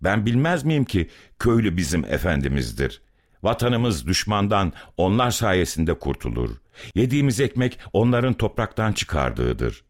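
Kendini beğenmiş, söylenip duran orta yaşlı pos bıyıklı bir şehirli, bir anlatıcının canlandırdığı; perdesi anlatıcının kendi sesinden epey yüksek. Dramatik bir hikâye okumasında savunmacı ve homurdanan bir tavırla konuşuyor. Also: male voice, low voice, big pitch swings, normal speed, voice pushed up. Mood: defensive. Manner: pompous, grumbling, defensive. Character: blustering middle-aged mustached city man, then cowed. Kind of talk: dramatic audiobook reading.

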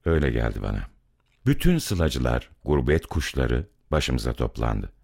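Çok kalın, pes sesli bir erkek anlatıcı; edebi bir öyküyü sesli kitap havasında okuyor. Tonlaması son derece hareketli, cümleler bir yükselip bir alçalıyor; anlatımı tutkulu ve dramatik. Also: male voice, very deep voice, moderate pace, creaky, slightly rough. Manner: expressive, dramatic storytelling. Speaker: narrator. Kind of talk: literary audiobook narration.

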